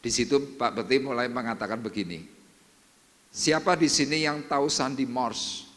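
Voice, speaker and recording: A male pastor preaching a sermon, telling a personal testimony, dropping to hushed tones and rising to emphatic peaks. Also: mid-range voice, normal speed. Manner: animated storytelling testimony, swings between hushed and emphatic. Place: church. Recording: reverberant church hall.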